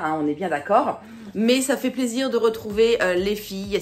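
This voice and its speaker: A middle-aged woman from France, chatting casually and animatedly about books she bought, with many fillers. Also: mid-range voice. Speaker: author and book vlogger. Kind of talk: casual book haul chat.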